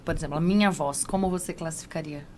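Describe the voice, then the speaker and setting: Brazilian woman co-host, polite and welcoming, mid pitch, faint background noise. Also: fast talker, a little mellow. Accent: Brazilian Portuguese. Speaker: podcast co-host. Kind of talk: casual podcast hosting.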